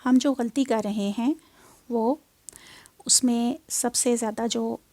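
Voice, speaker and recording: A woman teaching Quran recitation in a slow spoken lesson, patiently sounding out syllables and mixing in English words. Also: a little high, fairly even intonation, warm tone, dry recording.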